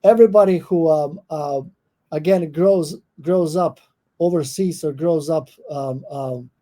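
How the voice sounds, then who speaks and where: This middle-aged professor from Croatia, a guest on a podcast, speaks with a Croatian accent and a mellow, somewhat high voice. He considers each interview question carefully, frequently stopping on fillers and restarting.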